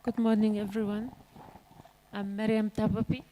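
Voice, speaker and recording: A woman's voice: medium pitch, flat delivery, moderate pace, dark tone, a little hiss or hum. Hesitant woman introducing her organization. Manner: hesitant, with many fillers. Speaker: research center representative. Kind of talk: conference self-introduction.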